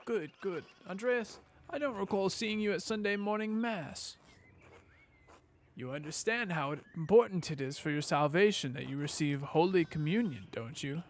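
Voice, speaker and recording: A man voicing a stern male priest from a game, reading his lines in a measured, gently scolding way. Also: high-pitched. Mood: reproachful. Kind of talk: reading game dialogue aloud.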